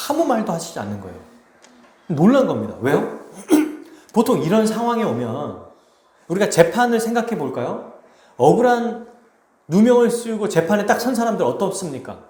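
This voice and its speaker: A fairly high-voiced male pastor preaches an expository sermon, his pitch swinging widely as he acts out what people say. The sound is roomy, with the echo of a church sanctuary around him. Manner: animated preaching, acts out quoted speech.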